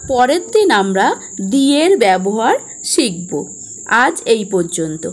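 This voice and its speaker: A young woman walks through a grammar lesson at an unhurried pace. Her voice sits a little high and moves up and down a lot as she points out examples. She spells out letters and words patiently, like a teacher at a board. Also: big pitch swings.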